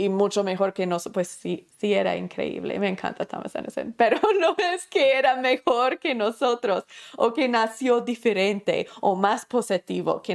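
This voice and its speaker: Woman teaching about addiction recovery. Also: mid-range voice.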